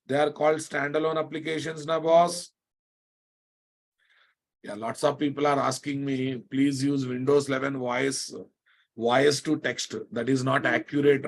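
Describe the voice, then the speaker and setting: Speaking at normal speed with medium pitch and little pitch movement, an Indian-accented man lectures a live online programming class. As the instructor, he often repeats his phrases and checks that listeners are following along.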